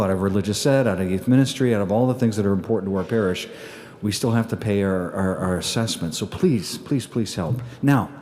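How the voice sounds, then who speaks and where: A man's voice: on the low side, warm tone. A man, the pastor, giving a chatty, folksy homily at Mass, with many fillers and restarts. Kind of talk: casual homily with an appeal. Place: church at Mass.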